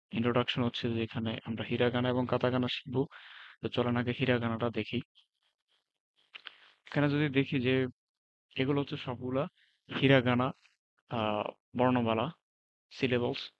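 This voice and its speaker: A man casually walking through a beginner language lesson, relaxed and pausing with fillers, mixing in English words. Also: medium pitch, no room sound. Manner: relaxed, often pauses with fillers while explaining. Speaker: language teacher. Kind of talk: casual spoken lesson walkthrough. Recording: dull lo-fi sound.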